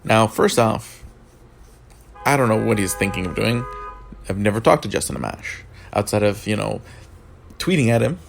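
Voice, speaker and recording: A man with a fairly low voice full of vocal fry gives unscripted, casual political commentary, sounding freshly woken yet very animated. He stumbles along haltingly with repeated words and pauses.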